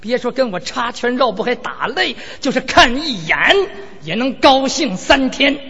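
A smug, cocky young fighter in a spoken tale, put on by a man, his very high voice rising and falling playfully. The sound is dull and lo-fi, with a long hall reverb behind it. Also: animated, normal speed, pushed and bright, slightly rough, exaggerated voice. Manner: smug, teasing.

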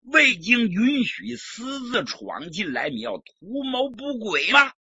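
A man's voice: high voice, big pitch swings, takes it slowly, pushed and bright, breathy edge, no echo, voice pushed up, heavily acted. A man playing an arrogant, hot-tempered young prince commander who bellows and mocks. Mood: haughty. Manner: bellowing, imperious, mocking. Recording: dull lo-fi recording.

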